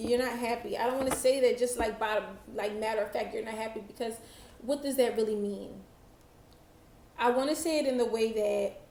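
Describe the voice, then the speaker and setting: Slow, reflective woman reading tarot. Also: fairly high pitch, dark tone, roomy sound, a little hiss or hum. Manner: slow, reflective, channeling-style delivery. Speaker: tarot reader.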